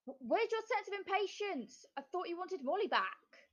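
A woman's voice: very high voice, sing-song, normal speed, fairly bright tone, highs cut off, pitched above the performer's own voice, heavily acted. A woman voicing a scheming, spiteful witch in a storybook reading, bossy and gloating. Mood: sneering. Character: scheming, spiteful female witch who cackles.

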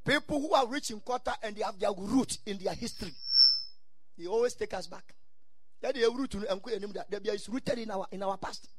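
A man's voice: high-pitched, normal speed. A man with a Ghanaian accent preaching a sermon in exhorting, repeated short phrases, mixing English with Ghanaian Pidgin and Twi.

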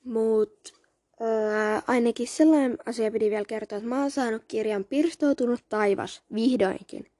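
A woman's voice: on the high side, mellow, no echo, studio quality. A woman hosting a casual podcast, reading a book aloud and chatting, often stumbling and correcting herself. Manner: reads aloud with frequent stumbles and self-corrections. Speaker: podcast host.

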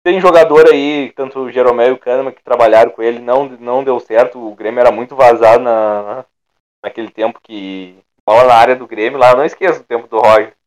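A man giving his opinions in a casual football debate, halting and restarting often. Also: medium pitch, a little mellow. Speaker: football pundit.

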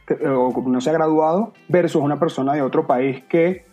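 A man's voice: on the high side, normal speed, warm tone, faint music behind. A young Venezuelan man with a Venezuelan accent, talking earnestly and at length as a podcast guest. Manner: talkative, earnest, slips into playful voices. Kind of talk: casual podcast chat.

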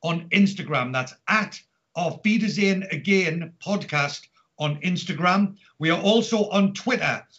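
Speaking over dull, lo-fi Skype audio from his lockdown home, an upbeat Geordie podcast host, middle-aged and from Newcastle in north-east England, runs through chatty intros and announcements. His voice sits high and a bit bright, and he takes his time.

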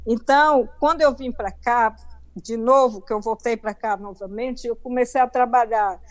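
A woman's voice: a little high, normal speed. A middle-aged Brazilian woman with a Brazilian Portuguese accent, telling her story emphatically as an interview guest.

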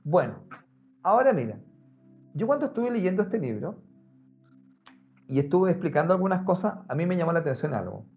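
Animated man, muffled recording. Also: on the high side, fairly quick, pauses often. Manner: animated, conversational, addresses the listener directly. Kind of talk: casual explanatory talk. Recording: muffled lo-fi sound with faint music.

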